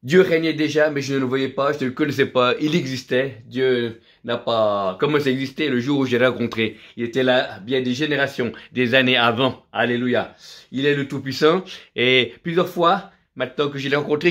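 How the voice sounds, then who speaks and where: A man's voice: mid-range voice, fairly quick, a bit bright. A middle-aged man, from Vietnam, preaching a fervent sermon full of repetition and alleluias.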